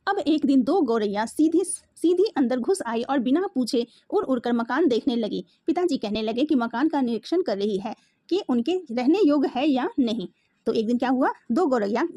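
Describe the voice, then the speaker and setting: Brief: woman teacher, high mellow voice, reads and re-explains a story, dry close mic. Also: no room sound. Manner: reads a passage, then retells it in simpler words; mixes English words into the explanation. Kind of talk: reading a story aloud and explaining it.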